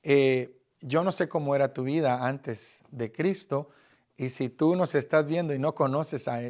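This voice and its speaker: This earnest Bible lesson on evangelism comes from a Guatemalan evangelism teacher with a medium-pitched, darkish voice and a measured pace. He speaks Guatemalan-accented Spanish, addresses the listener directly, and fills his speech with frequent fillers.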